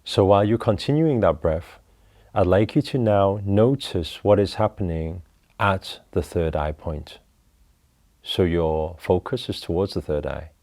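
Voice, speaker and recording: A man leading a guided breathing meditation, talking slowly and calmly through each step. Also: deep voice. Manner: slow, calm, instructive.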